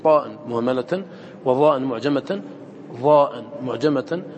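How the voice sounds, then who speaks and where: A man's voice: medium pitch, unhurried, a little mellow. A man teaching a recitation lesson, explaining step by step and quizzing his students with short questions. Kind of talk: classroom lesson explaining a poem. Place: lecture room with students. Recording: echoey hall with faint noise.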